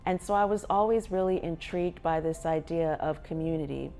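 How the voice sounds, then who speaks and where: A woman's voice: sits low, brisk, slight background noise. A woman from the United States, an assistant professor, talks in a sincere, reflective way in a documentary interview. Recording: soft music underneath.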